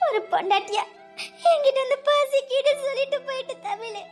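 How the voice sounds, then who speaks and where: A woman's voice: very high-pitched, a little fast, faint music behind. A woman playing a devoted working wife who earnestly protests and tearfully pleads in a web drama. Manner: earnest, pleading protests, sobbing through laughter.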